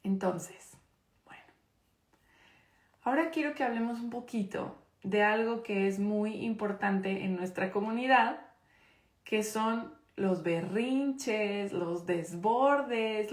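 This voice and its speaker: A woman's voice: medium pitch, reverberant. A woman teaching a live online parenting class. She talks conversationally, checks in with her audience often and stresses her key points. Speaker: parenting course instructor.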